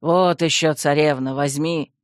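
A woman voicing a fawning, solemn male skeleton servant, in a lowered, slow voice for an audiobook. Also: steady tone, no room sound, studio quality.

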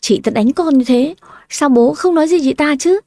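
Woman doing a shrill scheming young woman. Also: normal speed, warm tone, dry recording, clean studio sound. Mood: wailing. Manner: whining, shrill when pleading. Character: young scheming adopted daughter, shrill and whiny.

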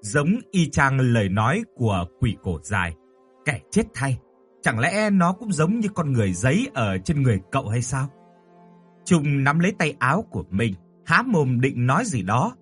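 A man reading a horror audiobook with an expressive, dramatic delivery. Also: medium pitch, moderate pace, husky, faint music behind. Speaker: narrator.

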